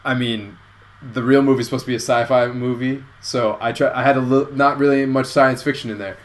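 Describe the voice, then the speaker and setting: A man hosting a casual online show, pitching a movie idea in a rambling, self-correcting way. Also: fairly even intonation, fairly quick. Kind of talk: casual comedic chat.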